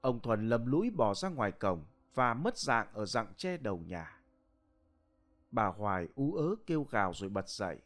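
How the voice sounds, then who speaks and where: A man narrating a village ghost story in a slow, dramatic manner. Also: on the low side, sing-song, fairly bright tone.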